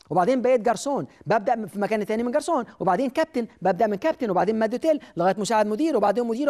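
Rapid-fire Egyptian man, motivational talk. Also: extremely high pitch. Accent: Egyptian Arabic. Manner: emphatic, lively, speaks straight to the viewer. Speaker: self-help TV host.

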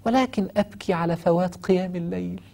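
A man's voice: sits high, fast, gravelly, dark tone. A man with an Egyptian Arabic accent preaching a sermon, telling stories with feeling and rising to fervent pleading.

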